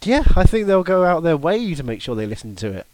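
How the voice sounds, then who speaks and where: A man's voice: on the high side, sing-song, a little fast, a little mellow, no room sound. A man co-hosting a podcast, joking and riffing in casual chat. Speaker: podcast co-host.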